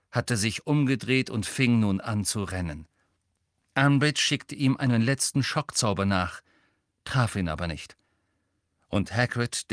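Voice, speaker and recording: A man narrating an audiobook in an expressive reading. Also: lowish voice, dry recording, clean studio sound. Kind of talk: scripted narration.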